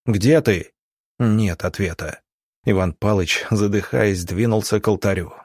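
A male audiobook narrator with a low voice reads in a measured, dramatic way. The sound is dry and close, with no room echo. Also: fairly even intonation.

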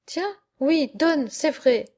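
A woman reading aloud, voicing a lively, playful young country girl who talks in quick exclamations, in a slow, mellow audiobook delivery. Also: high voice, pitched above the performer's own voice, heavily acted. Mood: excited. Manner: excitable, exclamatory.

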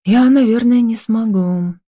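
Woman reading as a lively young heroine in love. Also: fairly high pitch, measured pace, husky, dry recording, clean studio sound, pitched above the performer's own voice.

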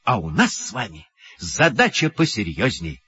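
A man voicing a kind wizard in an audio storybook, calm and encouraging. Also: lowish voice, moderate pace, slightly rough, far from the mic, muffled recording, exaggerated voice.

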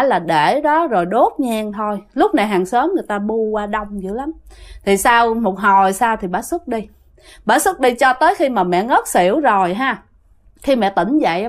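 A woman with a Southern Vietnamese accent tells a ghost story in a chatty, conversational way. She talks straight to her listeners, in a voice a bit higher than most women's. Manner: chatty, addresses listeners directly. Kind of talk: casual ghost story narration.

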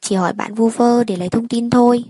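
Woman voicing a scheming young woman, husky. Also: fairly high pitch, fairly even intonation, fairly quick, warm tone, dry recording, natural voice. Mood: defensive.

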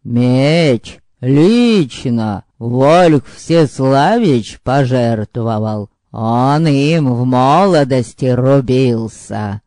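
A male narrator voicing a gruff, sullen man who grumbles in a deadpan way. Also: medium pitch, drawn-out words, few pauses, no room sound, studio quality.

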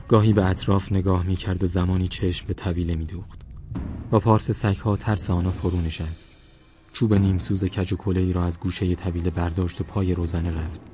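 A man narrating a novel as an audiobook in measured, even scripted storytelling, recorded with dull lo-fi sound and faint music. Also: low voice.

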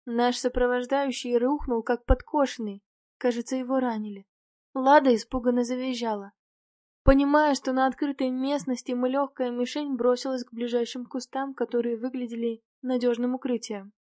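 A woman's voice: fairly high pitch, little pitch movement, normal speed, darkish tone, no echo. Woman narrating a novel, dry close sound. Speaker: audiobook narrator. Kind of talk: first-person novel narration.

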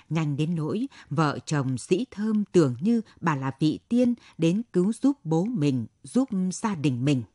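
A woman narrating a short story for a late-night radio program in a calm, even storytelling manner. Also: low voice, dry recording, clean studio sound.

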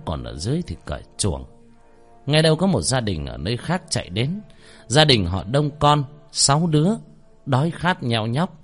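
A man telling a ghost story about a cursed village, with dramatic delivery. His voice rises and falls with a lively, wide range of pitch. Faint music plays behind him. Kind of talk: spoken ghost story narration.

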